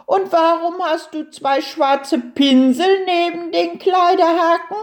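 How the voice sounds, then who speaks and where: A woman voicing a small curious turtle in a children's storybook, asking eager, quick questions. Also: very high voice, steady tone, pitched above the performer's own voice, exaggerated voice.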